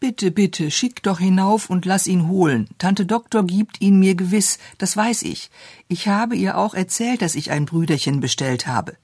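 A reader voicing an excitable, stubborn little girl in a storybook tale, pleading and indignant in turn. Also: medium pitch, unhurried, hardly any pauses, no room sound, clean studio sound. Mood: pleading excited.

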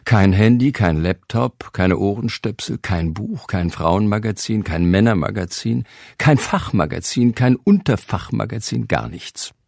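A man tells a humorous first-person tale in a dry, ironic way. His voice sits very low, with a gravelly, husky grain. The sound is close and dry, with no room around it. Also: animated, a little slow, a little mellow, no echo. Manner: dry, ironic storytelling with wry asides. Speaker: narrator.

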